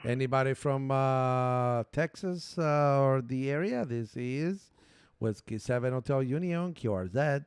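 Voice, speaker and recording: A man's voice: mid-range voice, a little slow, clear, resonant tone. Man calling on ham radio. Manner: spells call signs in phonetic alphabet. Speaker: amateur radio operator.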